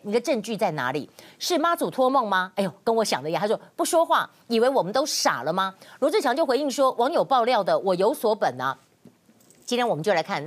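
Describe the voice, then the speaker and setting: A woman with a Taiwanese Mandarin accent who gives solo current-affairs commentary. She talks with indignation, fires off rhetorical questions, and drops in Hokkien words. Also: medium pitch. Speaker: political commentator.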